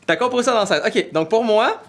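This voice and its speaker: A young man, chatting casually as a vlog co-host in a joking, animated way. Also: high voice, a little fast. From Lebanese descent. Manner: joking, animated, laughs often. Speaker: vlogger co-host. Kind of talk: casual chat.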